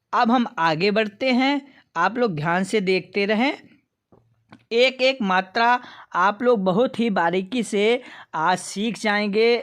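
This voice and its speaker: Patient woman teacher, very slow and measured, sounds out each syllable for beginners. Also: medium pitch. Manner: patient, addresses viewers as friends. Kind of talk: slow lesson reading syllables aloud.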